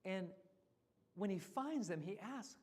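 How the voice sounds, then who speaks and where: A man with a fairly high voice giving a church seminar. He teaches in a relaxed, conversational way and slips into acted-out voices to make a point. It sounds like a talk given to a live audience. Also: slow. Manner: animated, acts out quoted voices. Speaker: guest speaker. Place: church hall.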